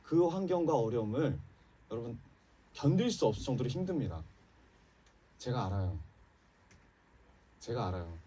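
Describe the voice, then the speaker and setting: A man's voice: medium pitch, big pitch swings, moderate pace, long pauses, warm tone, slightly rough. Impassioned male pastor preaching from afar. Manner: impassioned preaching, rising and dropping emphatically, addresses congregation. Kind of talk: sermon. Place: church sanctuary. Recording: church sermon recorded from a distance.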